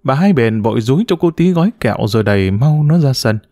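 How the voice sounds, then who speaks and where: A man narrating a family drama story in an expressive audiobook style. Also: medium pitch, fast talker, no echo.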